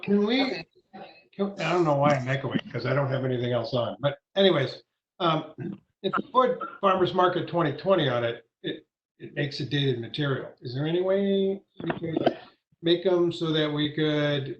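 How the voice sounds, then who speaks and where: A man speaking at a committee meeting over a video call, hesitant and questioning, with his voice echoing back from a second device. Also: fairly high pitch. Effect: echo from a second device picking up his audio. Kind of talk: casual meeting talk. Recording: echoey, dull, noisy video call line.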